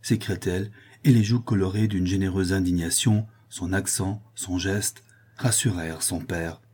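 Low, husky male audiobook narrator. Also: fairly even intonation, normal speed, a little mellow. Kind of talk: audiobook narration of a classic novel.

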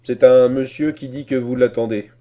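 Un homme qui joue une vieille servante grincheuse à la voix aigre, un peu plus haute et plus forte. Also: male voice, fairly even intonation, moderate pace, mellow, lo-fi sound, close to an everyday voice. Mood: grumpy. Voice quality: sour, shrill. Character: ugly grumpy old woman servant.

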